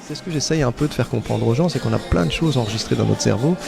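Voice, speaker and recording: A man's voice: mid-range voice, quick pace, vocal fry, music in the background. A man, an actor and playwright, talking thoughtfully in an interview with frequent hesitations. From Lebanese-born family, raised in Guinea. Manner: thoughtful, hesitant with many fillers. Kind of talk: casual interview.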